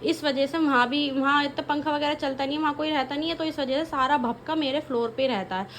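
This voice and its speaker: A woman's voice: a little fast, fairly bright tone, slight background noise, rough recording. A young woman vlogging casually at home, talking in a rambling, chatty way to her viewers. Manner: chatty, rambling, switches to high baby talk with her toddler. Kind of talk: casual home vlog chat.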